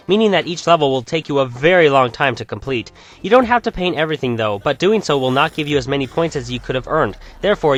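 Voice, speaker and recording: A man's voice: mid-range voice, a bit bright. A man reading out a scripted, enthusiastic video game review. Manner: upbeat, enthusiastic.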